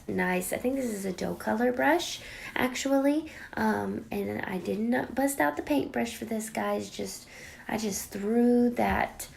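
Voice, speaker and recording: A young woman with a raspy voice from a cold, chatting playfully and dramatically through a makeup tutorial, sometimes dropping to a whisper. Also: medium pitch. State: getting over a cold. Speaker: beauty vlogger. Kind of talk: casual makeup tutorial chat.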